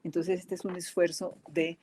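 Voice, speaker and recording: A woman's voice: lowish voice, little pitch movement, moderate pace, dark tone, slight background noise. A woman with a Colombian accent giving an academic talk on poetry translation, talking through slides with frequent restarts and fillers. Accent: Colombian Spanish. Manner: hesitant, many restarts and fillers. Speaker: literary scholar presenting a talk.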